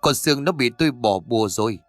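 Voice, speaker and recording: A man voicing a bitter, vengeful young woman who speaks in an accusing, sharp, pleading way. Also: medium pitch, expressive, fast talker, dry recording, soft background music, natural voice.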